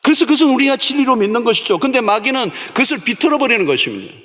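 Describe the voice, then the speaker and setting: Emphatic pastor preaching in a reverberant church hall. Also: male voice, very high voice, sing-song, racing, fairly bright tone. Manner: emphatic preaching, repeats key words for stress. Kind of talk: sermon. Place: large church sanctuary.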